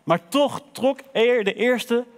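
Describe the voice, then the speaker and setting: A man's voice: very high voice, slow pace, big-room sound. A man presenting in a children's church, telling a story and talking directly to the kids. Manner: lively, addresses the children directly.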